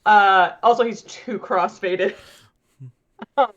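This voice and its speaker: A woman's voice: mid-range voice, slow, fairly bright tone. A woman playing a tabletop role-playing game, playful and laughing as she describes her character. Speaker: player. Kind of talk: casual tabletop role-play. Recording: dull lo-fi mic.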